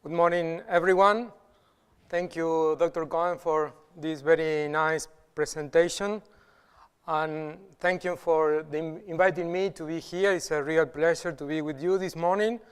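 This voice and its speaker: In a large hall, a middle-aged guest speaker with a strong Argentinian Spanish accent delivers a public lecture in a fairly high, very clear voice. He speaks earnestly and unhurriedly with fairly even intonation, often halting on fillers and restarting. A long reverb trails after his words.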